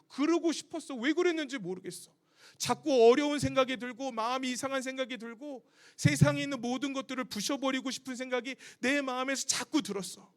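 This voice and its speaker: Middle-aged male pastor with a high voice, telling his story dramatically and teasing the teens in the pews. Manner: dramatic storytelling, swings from loud to hushed; addresses teens directly, casual banmal asides. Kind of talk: youth camp sermon, personal testimony.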